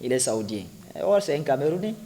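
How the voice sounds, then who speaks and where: A man's voice: medium pitch, sing-song, a little fast, warm tone, in a large hall. A man teaching an Arabic lesson to a class, patiently repeating examples and quizzing his students. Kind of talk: classroom lesson explaining grammar.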